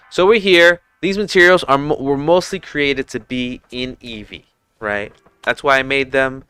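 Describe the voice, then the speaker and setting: Casual male streamer from Puerto Rico, 30s, clear, smooth tone, faint music underneath, headset mic. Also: medium pitch, sharp tone. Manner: rambling, informal, many fillers and restarts. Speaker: livestream host. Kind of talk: casual livestream chat.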